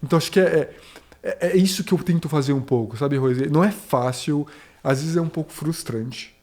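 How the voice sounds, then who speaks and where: A man's voice: on the high side, a little fast, a little mellow. A man from Brazil in his forties, a career mentor explaining his views earnestly in a podcast interview and telling anecdotes. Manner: earnest, explanatory, tells anecdotes with quoted dialogue.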